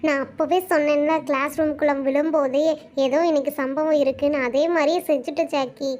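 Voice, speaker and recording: A woman's voice: high-pitched, little pitch movement, a little fast, a little mellow, natural voice. A woman voicing a chatty schoolgirl in a doll show, fussing and tattling to the teacher. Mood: fussy. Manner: tattling, fussy.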